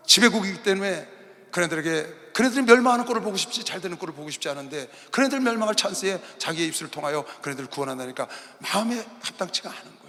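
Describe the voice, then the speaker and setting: High-pitched, gravelly preaching man. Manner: dramatic, swinging between loud bursts and quiet asides. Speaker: pastor. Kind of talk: sermon. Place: large arena hall. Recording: long arena hall reverb.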